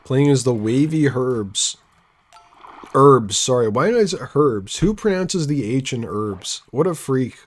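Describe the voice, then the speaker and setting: A man's voice: mid-range voice, big pitch swings, moderate pace, hardly any pauses, darkish tone. Wry young man streaming a game. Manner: wry, sarcastic rambling asides. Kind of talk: casual live-stream gameplay chatter.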